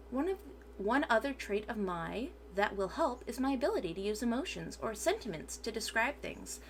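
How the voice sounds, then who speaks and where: A woman's voice: medium pitch, fairly bright tone, slight background noise. A woman VTuber reading a transcript aloud for her stream, sometimes stumbling over words and correcting herself.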